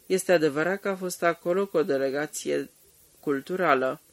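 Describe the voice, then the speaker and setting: A man voicing a reserved, hesitant man answering quietly and reluctantly in an audiobook. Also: on the high side, close to an everyday voice. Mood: guarded.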